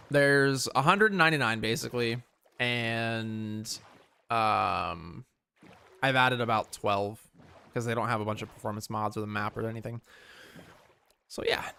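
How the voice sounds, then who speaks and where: A man hosting a relaxed game livestream, talking straight to his viewers. He rambles and trips over his words, often restarting sentences as he goes. His voice sits at an ordinary middle pitch. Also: vocal fry, smooth. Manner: rambling, self-correcting, chatting to viewers. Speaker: livestream host. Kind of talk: casual livestream chat while playing.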